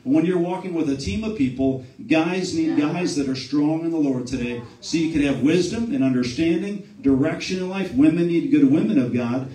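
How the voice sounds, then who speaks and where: A man preaching a sermon and calling people forward, often adding "amen" and restarting phrases. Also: on the high side. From Buffalo, New York area, US. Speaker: pastor. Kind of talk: sermon with altar call. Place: church sanctuary. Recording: echoey church room, distant mic, soft music.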